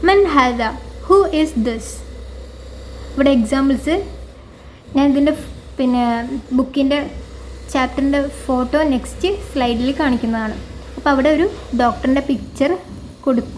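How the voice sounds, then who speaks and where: A woman teaching an online Arabic lesson over slides, explaining patiently and repeating each phrase slowly. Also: high voice, darkish tone, slight background noise.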